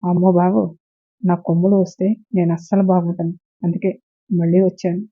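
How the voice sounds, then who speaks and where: A woman's voice: lowish voice, flat delivery, a little fast, lightly acted. A woman voicing an innocent, naive young village bride who talks in a simple, earnest, childlike way. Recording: tinny phone-like sound.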